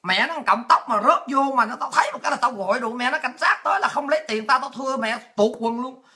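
A woman, born in Vietnam, hosts a livestream talk show. She rants crudely and abusively in a sharp, forceful voice and keeps breaking into laughter. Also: sits high, fast.

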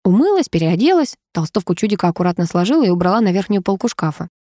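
A woman reading a first-person novel aloud with lively, expressive storytelling. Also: mid-range voice, fast talker, no room sound, clean studio sound. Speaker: audiobook narrator.

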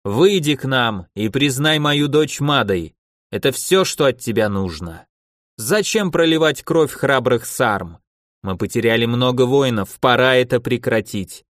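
A man voicing a scheming, commanding female nomad chieftain who talks in slow, drawn-out demands. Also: mid-range voice, animated, fairly bright tone, dry recording, clean studio sound. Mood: persuasive.

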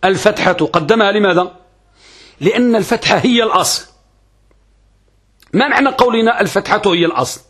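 A man's voice: sits high, a little fast, long pauses, fairly bright tone, husky. A man with a Moroccan accent teaching Arabic grammar in a classroom lesson, asking and answering his own questions and repeating key terms.

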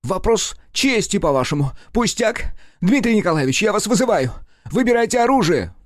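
A man voicing a shy young suitor turned jealous and hysterical, shouting in a breaking voice. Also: sits high, big pitch swings, moderate pace, no echo, studio quality, voice pushed up. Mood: furious.

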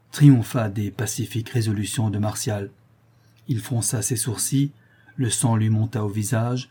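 A man narrating a classic novel as an audiobook in a steady, expressive reading. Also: medium pitch, slightly rough.

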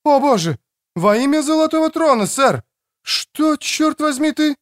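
A man voicing a frightened young woman who reacts with high, startled exclamations. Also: sing-song, unhurried, exaggerated voice.

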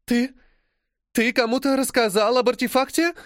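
A man's voice: extremely high pitch, fairly even intonation, slow pace, darkish tone, no room sound, clean studio sound, voice pushed up. Man doing a sobbing, shrieking young Frenchwoman. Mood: indignant. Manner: shrieking, indignant.

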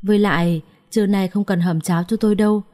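A woman doing a gentle sick young husband. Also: medium pitch, steady tone, fast, natural voice. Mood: reassuring. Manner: gentle, reassuring.

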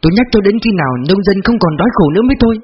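Guy doing a high choked older lady, bitter and grieving, storybook reading. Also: expressive, very fast, slightly rough, highs cut off. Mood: indignant. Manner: choked, reproachful. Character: grieving older woman, indignant sister-in-law.

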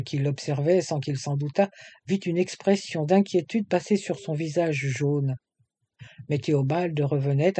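Male audiobook narrator, measured delivery with light character shading, a touch high-pitched, mellow timbre. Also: no echo. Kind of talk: audiobook reading of a French adventure novel.

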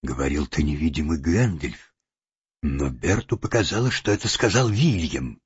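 A man's voice: a bass voice, lively intonation, moderate pace, breathy edge, no echo. A man narrating an audiobook in a dramatic storytelling manner. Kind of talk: expressive scripted narration. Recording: dull lo-fi audio.

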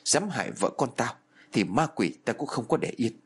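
A man voicing a stern middle-aged husband who is protective of his wife and gruff in his orders. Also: medium pitch, sing-song, moderate pace. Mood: vengeful. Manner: gruff, commanding.

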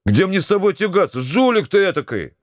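A man doing a loud, excitable young sailor. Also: fairly quick, no room sound, clean studio sound. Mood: teasing. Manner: shouting, teasing, high-pitched.

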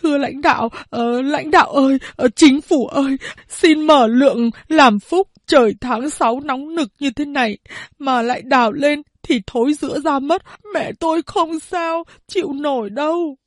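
A woman's voice: high voice, normal speed, no echo, clean studio sound, voice pushed up, lightly acted. A woman doing a sobbing, stammering old peasant man. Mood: pleading. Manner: sobbing, stammering with many hesitations. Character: poor aging peasant man, weeping and pleading.

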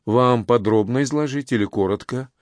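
A man's voice: medium pitch, normal speed, no echo, close to an everyday voice. A man doing a snappy young secretary. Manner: snappy, dry retorts. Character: sharp-tongued young woman secretary.

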